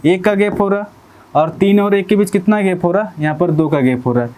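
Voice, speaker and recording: Maths teacher, high but mellow voice. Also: male voice, a little fast. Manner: explains step by step, repeats phrases, asks "ठीक है?" often. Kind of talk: exam-prep maths lesson.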